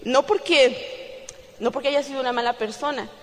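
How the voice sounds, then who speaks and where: Lively Mexican woman, storytelling in a hall. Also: high voice, normal speed. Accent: Mexican Spanish. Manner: lively storytelling, acting out dialogue, laughing. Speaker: speaker at a business convention. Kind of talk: testimonial speech to an audience. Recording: long hall reverb.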